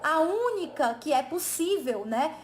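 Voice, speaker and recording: A Brazilian woman with a high voice teaches an exam review class. She explains patiently, often asking a question aloud and answering it herself, the way a teacher walks students through answers. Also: sing-song, unhurried. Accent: Brazilian Portuguese. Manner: didactic, asks and answers her own questions. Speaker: Portuguese teacher.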